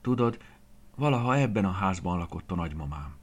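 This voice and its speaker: A man voicing a shy, quiet boy in a children's story, speaking softly and hesitantly. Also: low-pitched, lively intonation.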